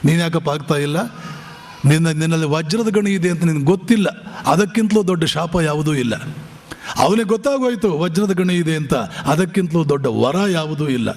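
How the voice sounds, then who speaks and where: A man's voice: fairly high pitch, expressive, normal speed, darkish tone, long reverb tail. A man, a monk, giving an impassioned spiritual class, exhorting his listeners with fiery rhetorical questions. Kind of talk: impassioned Kannada discourse.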